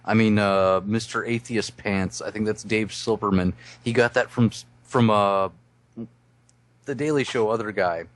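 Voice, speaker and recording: Tipsy man, low voice, swearing rant on a dry mic. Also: a little slow, dry recording. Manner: profane ranting. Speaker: podcast guest. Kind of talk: casual group chat.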